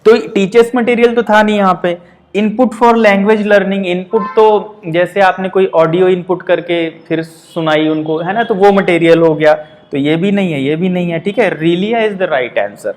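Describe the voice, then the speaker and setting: High-voiced man teaching slowly. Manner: reads options slowly, explains in quick asides; mixes Hindi and English, frequent "theek hai". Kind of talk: exam-prep lesson.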